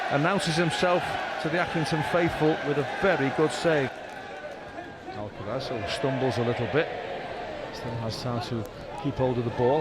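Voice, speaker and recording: A man calling a football match play by play, with brisk, excitable calls of each move. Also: fairly high pitch. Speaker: match commentator. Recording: broadcast with loud crowd noise. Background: loud stadium crowd.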